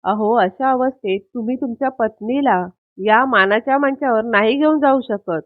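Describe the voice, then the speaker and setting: A woman's voice: a little high, normal speed, dry recording, close to an everyday voice. A woman voicing a reproachful male guest. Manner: reproachful, lecturing speech. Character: disapproving middle-aged male guest. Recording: tinny phone-like audio.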